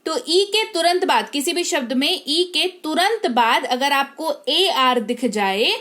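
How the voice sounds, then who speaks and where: A woman's voice: sits high, fairly bright tone. A woman teacher giving an online English spelling lesson, patiently explaining rules and repeating key words.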